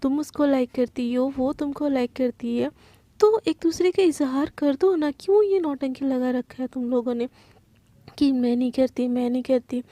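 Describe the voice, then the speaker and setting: A woman's voice: high-pitched, normal speed, dark tone, no echo, pitched below the performer's own voice, natural voice. A woman voicing a teasing, meddling young woman who needles others and stumbles over her denials.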